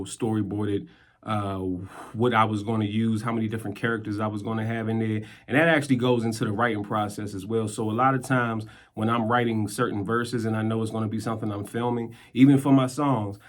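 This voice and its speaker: A man, a skit creator and rapper, telling a casual story in a laid-back, slangy way. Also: fairly low pitch. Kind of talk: casual talking-head storytelling.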